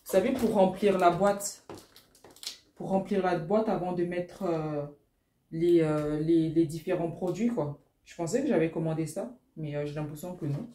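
A young woman chatting casually in a vlog, excitable and full of fillers and repeated words as she unpacks her orders. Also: fairly low pitch, normal speed. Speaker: small-business vlogger. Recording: echoey room with loud rustling noise. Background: crinkling packaging and clicks.

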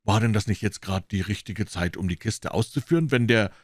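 A man's voice: on the low side, fairly quick, no echo, clean studio sound, close to an everyday voice. A man voicing a nervous, timid boy who asks anxious, hesitant questions.

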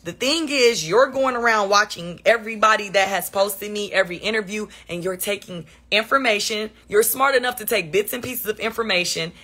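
A woman's voice: mid-range voice, bright, forceful tone. A woman venting on a phone livestream, defensive and sarcastic, answering her chat.

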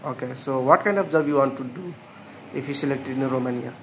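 A man interviewing a job applicant, asking brisk questions, repeating answers back and saying okay often. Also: mid-range voice, a bit bright, a little hiss or hum.

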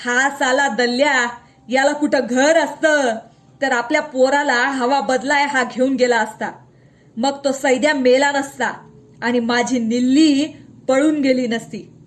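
Brief: a woman playing a fierce nomad man in a storybook, defiant and foul-mouthed, shouting each word slowly. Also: sits high, soft background music, voice pushed up. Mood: angry, shouting. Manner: loud, shouting, slow and emphatic.

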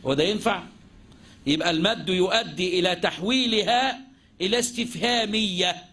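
Against slight background noise, a man speaks at a moderate pace in a high, sharp voice with an Egyptian Arabic accent. Teaching Islamic jurisprudence in a religious lesson, he asks and answers his own questions and moves between classical and everyday speech.

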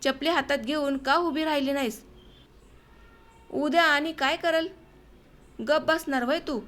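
A woman voicing an enraged young village husband who is humiliated and violent, speaking in shouting, bitter outbursts. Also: high voice, fairly even intonation, unhurried. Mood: furious.

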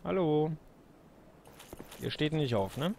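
A man giving casual let's play commentary, excitable, with loud exclamations and talking to his viewers. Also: on the high side, slow, vocal fry, slight background noise.

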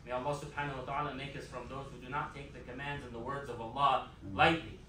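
A man's voice: mid-range voice, steady tone, fast talker, noisy background. A man giving a Friday sermon as imam in a mosque, emphatic and repeating his key phrases. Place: mosque prayer hall. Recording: echoey hall, mic far off.

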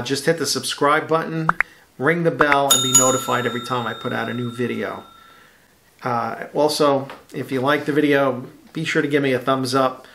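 Man, fifties, casual hobby review, relaxed and chatty, lots of fillers, home room, desk webcam. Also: medium pitch. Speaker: scale model builder, channel host.

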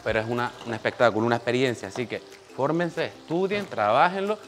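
Soft music plays behind a man's mid-range voice, which moves fairly quickly. Giving a cooking demonstration in a small kitchen, the chef practically directs the assistant at his side through each step of the class.

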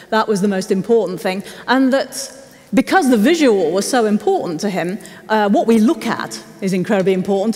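A middle-aged woman on a discussion panel, talking in a reflective, somewhat hesitant way in a large church hall. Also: on the high side. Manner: warm, reflective, hesitant with ums. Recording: long hall reverb.

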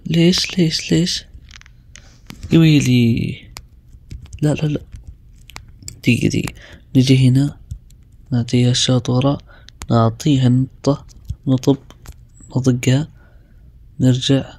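A young man, chatting his way through a video game and talking himself through each move with quick exclamations. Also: medium pitch, darkish tone. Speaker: gaming video creator. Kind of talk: casual gameplay commentary.

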